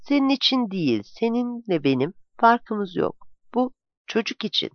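A narrator voicing a desperate male village teacher who shouts in anger, in a dull, dry, lo-fi recording. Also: medium pitch, very animated, moderate pace, no room sound, pitched above the performer's own voice. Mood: resolute.

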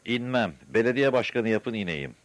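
A man voicing a ranting madman on a rooftop in an audiobook, shouting defiant demands. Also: on the low side, lively intonation, normal speed, no room sound, voice pushed up, lightly acted. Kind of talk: audiobook character voice.

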